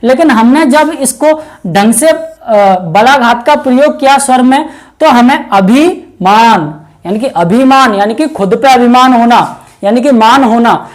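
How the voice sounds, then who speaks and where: A woman with a somewhat high voice sounds animated yet unhurried as she teaches a grammar lesson for exam preparation. She goes step by step, repeats lots of fillers, and addresses her viewers as friends.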